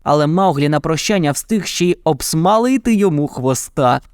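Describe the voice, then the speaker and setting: A man narrating a children's fairy tale in an even, dramatic storytelling manner. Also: fairly high pitch, moderate pace, clear, resonant tone, no echo, clean studio sound.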